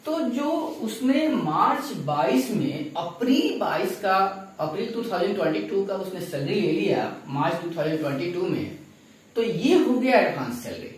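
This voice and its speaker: Man, teacher, lively up-and-down delivery, very echoey room, mic set far off. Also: high voice, moderate pace. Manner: explaining step by step with questions to students. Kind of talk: classroom lecture.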